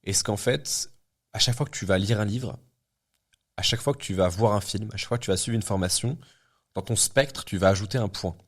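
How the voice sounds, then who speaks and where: A man in his twenties gives his frank opinions in a relaxed podcast conversation. His voice sits fairly low, and he circles his points with many fillers and self-corrections. The talk is loose and direct. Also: a little fast. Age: 20s. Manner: blunt, talks things through with many fillers and restarts. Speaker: guest entrepreneur. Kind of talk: casual podcast chat.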